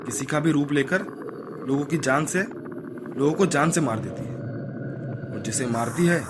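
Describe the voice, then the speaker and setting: A man voicing a worried, protective middle-aged mother who gives hushed warnings in a horror story. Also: fairly high pitch, moderate pace, noisy background, natural voice. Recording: voice over loud background music.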